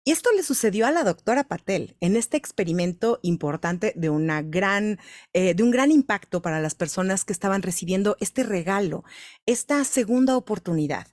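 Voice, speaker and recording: A Mexican woman, a voice-over professional, speaks from the stage in an engaging way, often turning questions back to her listeners. Her voice sits at an ordinary middle pitch, and the sound is dry, with little room echo. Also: expressive, normal speed, darkish tone. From Mexico City, Mexico. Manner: engaging, questions the audience directly. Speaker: voice-over artist giving a talk. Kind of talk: conference talk.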